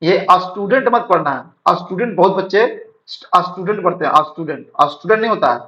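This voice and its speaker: A man teaching English grammar in Hindi, reading sentences slowly and checking his students follow. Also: high voice, animated, bright, forceful tone. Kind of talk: classroom-style grammar lesson. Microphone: writing on a board while talking. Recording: dull lo-fi sound.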